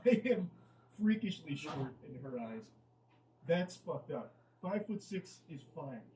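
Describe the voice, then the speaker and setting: A man's voice: on the high side, a little mellow, recorded from a distance, a little hiss or hum, rough recording. A man giving comedic commentary on a dating app chat he reads out. He sounds incredulous and exasperated and swears freely.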